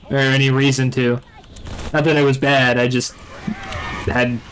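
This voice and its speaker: A man's voice: medium pitch, fairly bright tone. A man giving casual, conversational commentary as a let's play host. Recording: game noise behind the voice. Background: video game sound.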